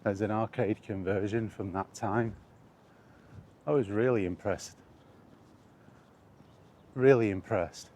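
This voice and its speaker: Speaking slowly and pausing often, a middle-aged man with a fairly low, slightly mellow voice muses about video games. It's a casual, rambling vlog in which he repeats phrases for emphasis, with clear ambient noise behind him.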